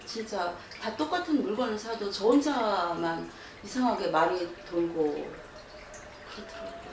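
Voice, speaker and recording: A woman's voice: mid-range voice, huge pitch swings, moderate pace. Hesitant woman client, distant and echoey. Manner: hesitant, soft-spoken, deferential. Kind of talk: consultation with a shaman. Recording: distant, echoey, noisy room.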